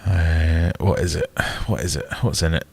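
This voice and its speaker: Middle-aged British man, low-pitched and stuffed-up nose, blunt and wry livestream host, loose conversational delivery. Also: fairly even intonation, moderate pace, gravelly, darkish tone, breathy edge. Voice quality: bunged-up, congested nasal voice. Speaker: livestream host answering viewer questions. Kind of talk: casual livestream chat.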